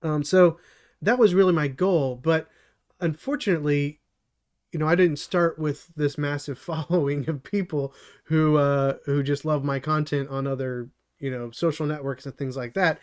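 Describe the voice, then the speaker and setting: A man's voice: a little high, steady tone, moderate pace, darkish tone. A middle-aged man hosting a solo live stream as a developer mentor, talking earnestly with many restarts and fillers, his voice a little dry. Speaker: channel host and developer mentor.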